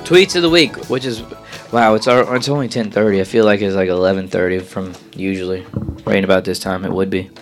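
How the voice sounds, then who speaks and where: A man's voice: deep voice, steady tone, brisk, faint music behind. A man co-hosting a casual radio show, bantering, teasing and reading things out in a joking way.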